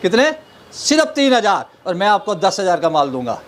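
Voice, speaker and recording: High-pitched salesman, eager pitch. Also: very animated, moderate pace. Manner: insistent, repetitive showman-like patter. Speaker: wholesale clothing seller. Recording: clear background noise.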